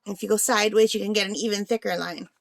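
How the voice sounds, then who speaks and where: She hosts a craft unboxing vlog, talking casually and thinking aloud while slightly unwell, so her voice is tiring. It's a gravelly, mid-range voice with fairly even intonation, delivered very fast in clean studio sound without echo.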